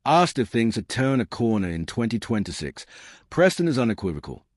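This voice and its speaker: A man's voice: medium pitch, big pitch swings, a little fast, no echo, studio quality. A man narrating scripted political commentary in an emphatic, dramatic and scornful way.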